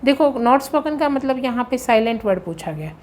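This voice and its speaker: A woman's voice: fairly high pitch, expressive, moderate pace, a little mellow. A woman teacher explaining exam questions in a lesson, patiently repeating key points and reading the terms. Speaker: English grammar teacher.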